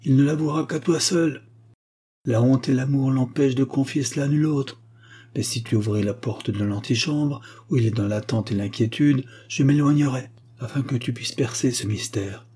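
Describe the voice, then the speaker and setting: Un homme jouant une mère noble repentante. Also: male voice, medium pitch, normal speed, warm tone, slightly rough, voice pushed up, natural voice. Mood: earnest. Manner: earnest, confiding. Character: aristocratic mother, remorseful and tender. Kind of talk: audiobook reading.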